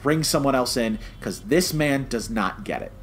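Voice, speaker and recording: With lively intonation, a medium pitch and a moderate pace, this podcast co-host pushes his opinions hard in a review. He repeats phrases for stress and keeps asking "okay?", while a little hiss or hum sits under the recording.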